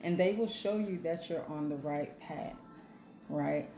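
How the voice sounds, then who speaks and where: Low-voiced woman giving casual pep talk. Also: unhurried, roomy sound, dull audio, faint music behind. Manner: conversational, frequent "right?" and "um". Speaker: self-help channel host. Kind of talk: casual motivational talk to camera.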